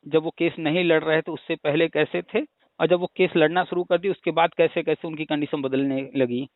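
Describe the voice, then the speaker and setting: On a tinny phone line, a man with a fairly high voice and fairly even intonation talks at a brisk clip in a dry recording. As the teacher hosting a call-in discussion, he gives a long, casual explanation of a topic, patiently lecturing with examples and rhetorical questions.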